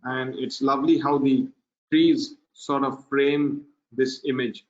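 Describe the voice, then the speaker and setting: A man presenting a wildlife photography webinar, talking in a relaxed, unhurried way with many filler pauses over a video call. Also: medium pitch. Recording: dull lo-fi webinar audio.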